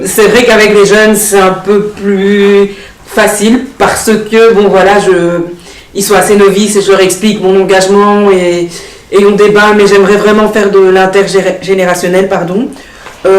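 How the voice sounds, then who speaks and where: A young woman, an election candidate speaking earnestly in a TV studio interview, pausing often with fillers. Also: medium pitch, fairly even intonation. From Belgium. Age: young adult. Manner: earnest, hesitant, many fillers. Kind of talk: studio talk show interview. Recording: echoey studio, distant mic.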